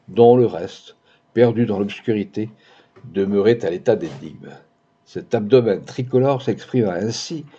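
A man narrates a classic novel in a measured, expressive audiobook reading. His voice is low, dark and husky. The recording sounds dull and lo-fi.

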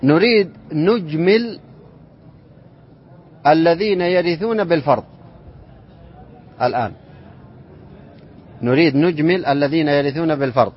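A man teaching an Islamic inheritance lesson to students, reciting verse lines slowly and then explaining them and quizzing the class. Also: fairly high pitch, slightly rough. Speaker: sheikh teaching inheritance law. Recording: dull lo-fi classroom recording.

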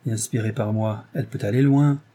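A man's voice: on the low side, steady tone, a little fast, warm tone, natural voice. A man doing a snickering scheming old lawyer. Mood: gloating. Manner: snickering, gloating. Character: scheming gleeful middle-aged male lawyer, sneering.

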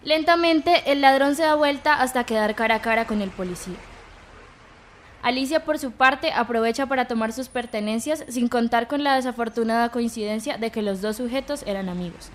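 A woman's voice: a little high, a little fast. Woman narrating a dramatic audio story.

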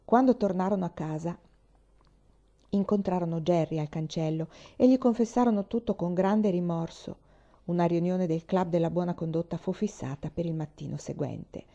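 A woman reading a children's novel aloud with steady narration. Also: lowish voice, normal speed, dull audio. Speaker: audiobook reader. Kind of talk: storybook reading.

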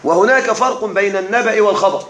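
A man teaching a classical text to a class, slow and deliberate, often checking that his students are following. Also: sits high, a bit bright. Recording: echoey room.

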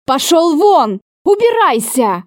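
A woman reading an audiobook voices a quick-tempered young woman hurling heated, high-pitched insults. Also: sing-song, darkish tone, dry recording, clean studio sound, heavily acted. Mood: furious. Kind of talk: audiobook character voicing.

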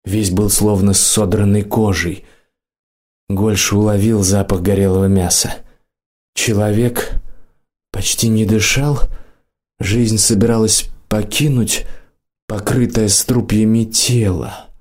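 A man narrating a fantasy audiobook in a steady, even reading voice. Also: fairly low pitch, slow, pauses often. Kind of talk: scripted narration.

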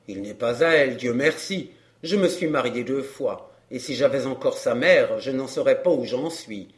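A man doing a middle-aged fairground clown down on his luck, grumbling in rough street slang. He sounds bitter and close to tears, in a plain mid-range voice, as in a read-aloud novel. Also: medium pitch, close to an everyday voice. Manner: coarse popular slang, grumbling. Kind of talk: audiobook character reading.

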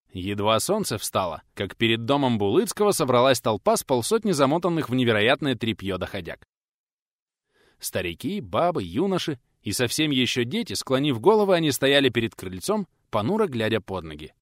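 A man's voice: mid-range voice, big pitch swings, brisk, no echo, clean studio sound. A man narrating an audiobook, switching into folksy voices for the characters' dialogue. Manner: voices characters with old-fashioned folksy speech and lisps.

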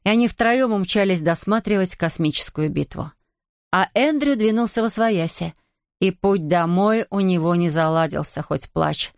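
A woman narrating a fantasy novel aloud with an even, measured storytelling delivery. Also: fairly low pitch, clear, resonant tone, no room sound, clean studio sound. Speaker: audiobook narrator. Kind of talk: scripted narration.

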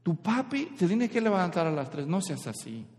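A man's voice: high voice, sing-song, normal speed. A man doing a young new mother. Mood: coaxing. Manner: hushed and coaxing, or sharp scolding. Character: new mother, young woman, soothing then cross. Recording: reverberant hall.

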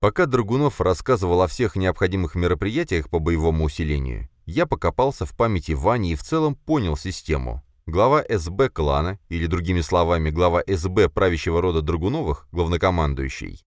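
A male narrator tells a fantasy story in the first person with expressive delivery. His voice is very deep yet lively in its melody. The recording is dry and close. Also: fairly quick, few pauses, no echo. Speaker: audiobook narrator. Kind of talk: scripted audiobook narration.

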